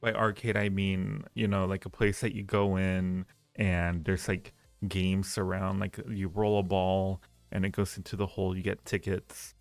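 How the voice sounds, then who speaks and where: With a deep, vocal-fry voice that barely moves in pitch, a livestream host talks at normal speed with few pauses. He chats casually with viewers, rating ideas and rambling with frequent repeated phrases, amid roomy echo and faint background music.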